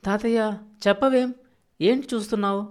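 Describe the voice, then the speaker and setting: A playful little village boy full of teasing questions, as a male storyteller puts him on. He chatters along brightly and eagerly in an audiobook reading. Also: high voice, fairly even intonation, brisk, voice pushed up, lightly acted. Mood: chatty.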